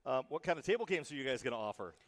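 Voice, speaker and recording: A man hosting a football pregame show, interviewing a guest in a brisk, joking manner. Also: mid-range voice, animated. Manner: brisk, joking, reads questions.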